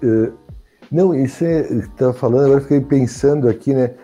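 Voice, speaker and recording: Male interviewer, very mellow and breathy tone, hesitant, musing delivery. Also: mid-range voice, fairly quick, soft background music. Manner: thinks aloud, hesitant. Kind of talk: casual interview questions.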